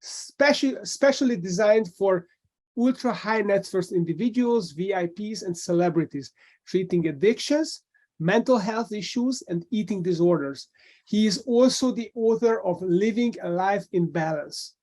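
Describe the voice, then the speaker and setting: Male interviewer with a high voice, conversational and halting as he asks. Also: animated, a little mellow. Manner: halting, restarts phrases while asking. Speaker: podcast host.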